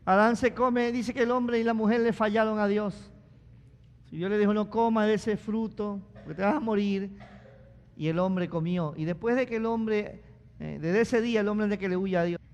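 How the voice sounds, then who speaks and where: A man preaching a sermon as pastor, building to loud shouted calls and prompting the congregation to repeat after him. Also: high-pitched, fairly even intonation, normal speed, clear, resonant tone, in a large hall. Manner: preaching with rising shouts and call-and-response prompts. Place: church sanctuary.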